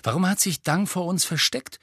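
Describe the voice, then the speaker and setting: A man voicing an excitable teenage boy wizard who sounds tense and easily let down, in a German audiobook. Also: sits high, normal speed, breathy edge, no room sound, studio quality, pitched above the performer's own voice, heavily acted. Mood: disappointed.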